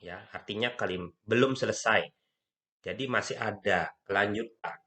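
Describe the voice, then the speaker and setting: A man lecturing on grammar, speaking slowly and stressing key terms, with frequent fillers as he explains. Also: on the low side, pushed and bright. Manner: slow, stressing key words, frequent "ya" and "nah".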